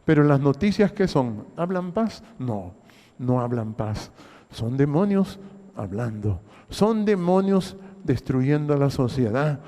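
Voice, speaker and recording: Taking it slowly but with lively intonation, an older man with a Honduran Spanish accent gives an emphatic sermon as a pastor, asking rhetorical questions and repeating phrases. His voice rises into loud bursts and drops to murmurs within a long, reverberant hall.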